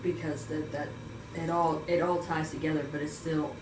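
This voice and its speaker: Low-voiced woman guest in an echoey room. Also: little pitch movement, moderate pace. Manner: soft-spoken, agreeing, chiming in. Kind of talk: casual movie review chat. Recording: echoey room, mic far off, noise.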